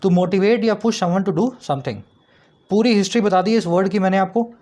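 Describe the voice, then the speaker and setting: Male English tutor, higher pitch, patient explainer who checks understanding. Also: darkish tone. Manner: explanatory, asks students rhetorical checks, reads example sentences slowly. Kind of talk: vocabulary lesson explaining words.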